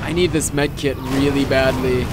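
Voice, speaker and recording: A man giving casual, excitable commentary as he plays a shooter game with a friend. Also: medium pitch, normal speed, very noisy. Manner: excitable, loud reactions and laughter. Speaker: gamer host. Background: game music and gunfire.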